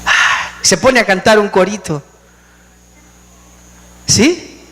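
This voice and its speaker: High-voiced preaching pastor in a reverberant church. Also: male voice, takes it slowly, sharp tone. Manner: emphatic preaching, rhetorical questions to the congregation. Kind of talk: sermon.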